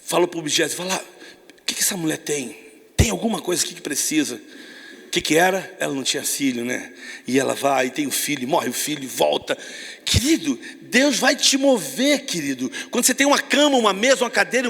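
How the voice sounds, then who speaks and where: Brazilian man, high bright gravelly voice, passionate youth preacher in a reverberant church hall. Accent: Brazilian Portuguese. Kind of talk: lively evangelical sermon.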